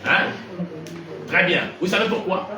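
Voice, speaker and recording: With a high voice and measured pace, a Gabonese preacher teaches his congregation through a lively stream of probing questions. Crowd noise comes through on a noisy, distant recording in an echoey room.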